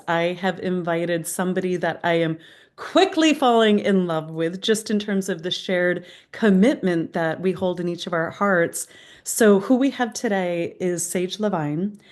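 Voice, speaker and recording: Woman host, slightly impeded retainer speech, lowish voice. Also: darkish tone. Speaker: interview host. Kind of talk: warm-up introduction and interview questions, partly scripted.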